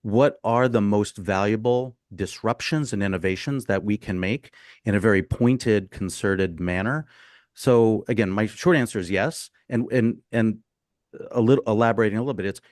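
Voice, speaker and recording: A man from the United States speaks with a somewhat low voice on a panel discussion over a video call. He answers bluntly and with emphasis, stacking his points one after another. The sound is dry and close, with no room around it. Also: a little mellow, dry recording. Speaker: panel guest, business consultant.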